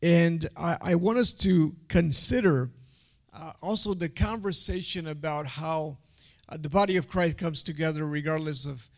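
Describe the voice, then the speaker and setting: A young man hosting an interview, his voice sitting fairly high but with a gravelly, creaky edge. He moves through guest introductions with plenty of small hesitations and fillers. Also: moderate pace. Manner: reads introductions with frequent uh fillers. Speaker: host.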